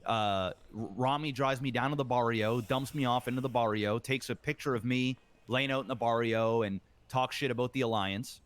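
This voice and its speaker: A man's voice: medium pitch, normal speed, hardly any pauses. Rambling man retelling a story. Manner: rambling retelling, full of ums and uhs, acts out quoted lines. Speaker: roleplay gang member. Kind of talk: in-character roleplay storytelling.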